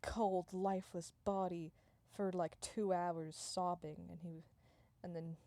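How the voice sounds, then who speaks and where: A woman spins a rambling, deadpan comic tale, chaining one event onto the next. Her voice is mellow and soft-edged, recorded close and dry with no room sound at all. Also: on the low side, slow, dry recording. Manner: deadpan, run-on "and then" narration, dropping to hushed tones. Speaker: storyteller. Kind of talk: rambling improvised comic storytelling.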